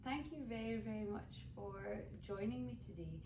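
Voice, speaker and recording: A folk singer from the west coast of Scotland, with a Scottish accent, chats casually and rambles a little as she introduces her songs for an online showcase, streaming from a room at home. Her voice is fairly high, animated, and at normal speed, and she tells stories with many fillers. The mic is roomy and distant, with background noise.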